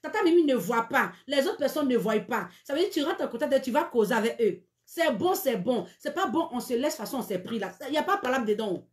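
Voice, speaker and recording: A woman's voice: sits high, animated, fast talker, hardly any pauses, reverberant. A woman hosting a live-stream dating advice show, speaking frankly and teasingly, and repeating her catchphrases.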